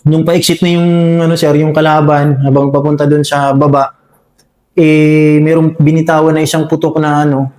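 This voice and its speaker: Halting soldier, deferential and monotone. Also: male voice, fairly high pitch. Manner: halting, full of fillers, says "sir" constantly. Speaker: soldier recounting a combat encounter. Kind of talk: spoken war story in an interview.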